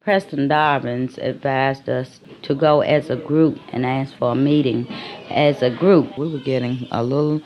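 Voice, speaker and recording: A woman's voice: a bass voice, steady tone, a little slow, muffled recording, slight background noise. A woman, a former cafeteria worker telling her story in a plain-spoken oral-history interview. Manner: plain-spoken, acts out quoted voices.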